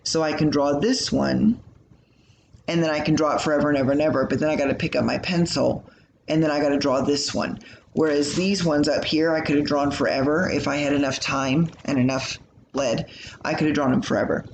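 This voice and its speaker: A man with a fairly high, creaky voice teaches a recorded math lesson at a brisk pace and steady tone. He's casual and chatty, using lots of fillers, and sounds tired, even yawning. The room is echoey, with a faint hum.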